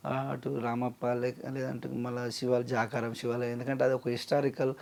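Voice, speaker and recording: A man's voice: medium pitch, little pitch movement, normal speed, vocal fry, a little mellow. A man, a singer and lyricist talking earnestly in an emotional interview. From Telangana, India. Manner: earnest, pleading, acts out quoted dialogue.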